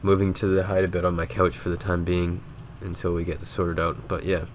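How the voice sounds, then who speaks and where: A man's voice: deep voice, little pitch movement, brisk, slight background noise. A man with a stuffy, sick nose, casually rambling through a game commentary voice-over with lots of filler words. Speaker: gaming video host.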